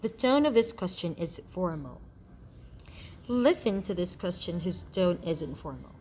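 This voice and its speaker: A woman from the Philippines reading a scripted English lesson, with a clear, measured teaching delivery. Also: on the low side, sing-song, a little mellow, slight background noise. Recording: music playing behind the voice.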